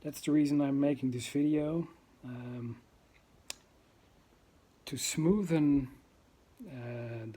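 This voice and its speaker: Recording his first vlog, a man from the Netherlands with a Dutch accent speaks unscripted to camera, hesitant and full of ums and uhs as he searches for words. He talks slowly and pauses often in a mellow, medium-pitched voice with a breathy edge.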